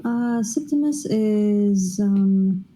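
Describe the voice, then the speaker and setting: A woman's voice: medium pitch, extremely slow, a crowd in the background, low-quality recording. A woman playing a tabletop game, chatting casually and describing what her character does.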